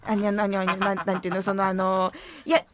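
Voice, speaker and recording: Against crowd noise, a female radio host speaks briskly in a medium pitch with a completely flat delivery. She chats casually and reads listener posts, playful and self-mocking with a slight lilt, slipping into silly voices.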